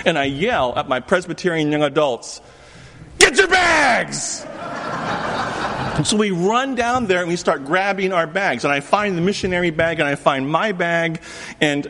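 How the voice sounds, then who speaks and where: Brief: American male pastor, animated sermon storyteller, slightly high voice, hall reverb. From United States. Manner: animated storyteller, acts out quotes, shouts lines loudly.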